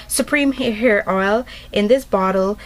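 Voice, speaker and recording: A woman's voice: medium pitch, unhurried, slight background noise. Chatty woman rambling through a tutorial. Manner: chatty and rambling, many fillers. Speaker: beauty vlogger. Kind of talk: casual hair tutorial.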